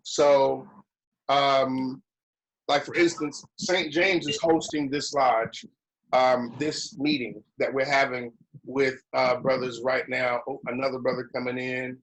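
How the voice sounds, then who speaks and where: A man's voice: mid-range voice, level tone, takes it slowly, a bit bright, slight background noise, low-quality recording. A man hosting an online lodge meeting, talking casually and often answering with "copy that" in a radio style.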